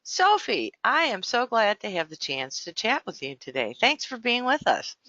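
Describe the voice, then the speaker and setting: A woman's voice: on the high side, big pitch swings, normal speed, pushed and bright, dry recording, dull audio. A woman hosting an interview podcast, speaking articulately and addressing her guest and listeners in a formal way. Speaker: podcast host. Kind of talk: scripted podcast introduction and interview.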